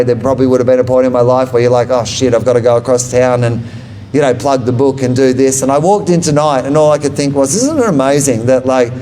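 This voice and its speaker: Holding a handheld mic in front of a bookshop audience, a male comedian and author rambles about his book and fields questions. He's jokey and self-deprecating, laughing at his own lines, with a mellow, medium-pitched voice and slight background noise.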